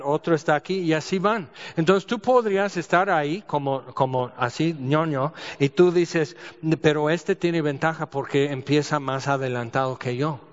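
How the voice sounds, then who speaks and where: A man preaching a sermon, telling stories and asking rhetorical questions. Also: on the high side. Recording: dull audio with long hall reverb.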